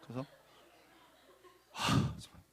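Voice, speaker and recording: A man preaching a sermon testimony, telling his story in an animated, emphatic way and acting out arguments. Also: takes it slowly.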